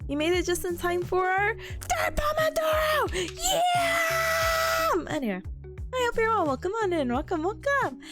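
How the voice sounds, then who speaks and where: A young woman streamer's very high-pitched, sing-song voice rises over music, a little slow and raised. Bubbly and giggly despite a partly lost voice, she hosts a study stream and chats through viewers' messages.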